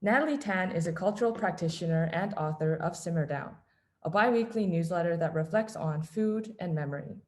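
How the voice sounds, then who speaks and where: Woman from Canada, lowish voice, hesitant host intro with frequent ums over a video call. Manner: many ums and pauses, soft-spoken. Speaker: event host.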